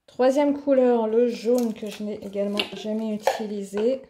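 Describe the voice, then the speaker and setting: A woman's voice: fairly high pitch, little pitch movement, normal speed, background noise. A woman hosting an art tutorial in her home office, chatting casually and thinking aloud with plenty of fillers as she demonstrates.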